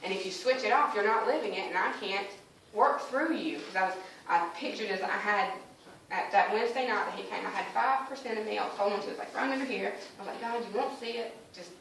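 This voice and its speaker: A woman's voice: medium pitch, fast talker, gravelly, fairly bright tone. Woman telling her church testimony, plays out her talks with god, far off mic, big echo. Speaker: church member giving testimony. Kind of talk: personal spoken testimony. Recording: echoey room from a distant mic, faint noise.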